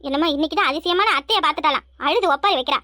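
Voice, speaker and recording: A woman doing a bossy, anxious village mother-in-law past sixty for a cartoon, with a Kanyakumari Tamil accent. Her very high voice rattles off its worries and scoldings quickly, and the recording is dry and close. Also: sharp tone, no room sound. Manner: fretful, scolding. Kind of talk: cartoon voice acting.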